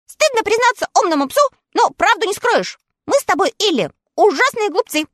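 A small, clever male dog from a storybook, high and squeaky, rattling off his thoughts at a fast clip, as a woman puts him on. He sounds eager and a little boastful, with his voice skipping up and down. The recording is dry and close. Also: big pitch swings, a bit bright, dry recording, exaggerated voice. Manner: quick, chattering, eager.

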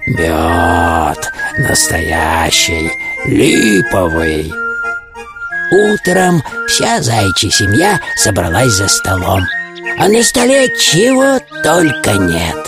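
A man reading a children's fairy tale aloud in an expressive, animated way. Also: a little high, slow. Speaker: storyteller. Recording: music playing behind.

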